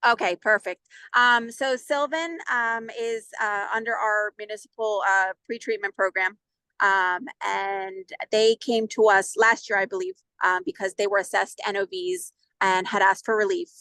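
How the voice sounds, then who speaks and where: A woman on public works staff, heard over a video call line, reporting to a council in a measured way with frequent pauses. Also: medium pitch, steady tone, pushed and bright, smooth, no room sound, rough recording.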